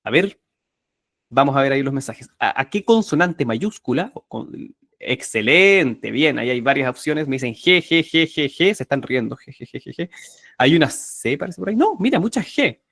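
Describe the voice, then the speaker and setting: A man teaching a live online workshop on memorization techniques, emphatic and energetic, often repeating key words. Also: medium pitch, normal speed, creaky, no room sound, clean studio sound.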